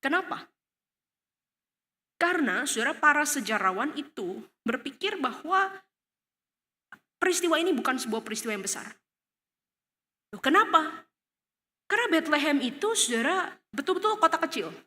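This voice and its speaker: A woman's voice: high-pitched, expressive, moderate pace, long pauses. A woman preaching a sermon in a church hall, with an Indonesian accent, telling the story dramatically and crying out in the voices of the people in it. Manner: dramatic, acts out scenes with sudden loud cries. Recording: long hall reverb.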